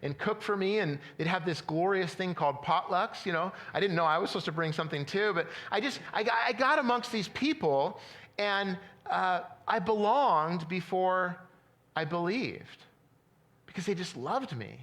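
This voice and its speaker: A man's voice: high-pitched, animated, normal speed, a bit bright. A middle-aged man preaching a sermon as pastor, conversational and often repeating words as he restarts.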